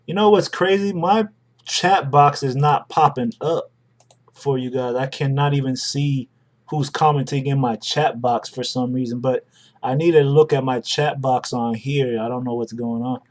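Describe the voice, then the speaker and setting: A man's voice: mid-range voice, normal speed, darkish tone. A young adult man hosting a live stream, talking casually through charts and greeting viewers by name. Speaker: livestream host.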